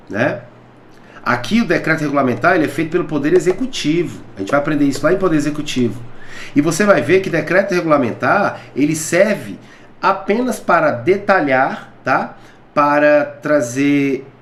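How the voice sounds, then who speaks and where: A Brazilian-accented man teaching law in a recorded lecture, voice a little high for a man. He explains step by step, tossing rhetorical questions and steady check-ins at the student. The room is echoey, with a faint hum of noise underneath. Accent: Brazilian Portuguese.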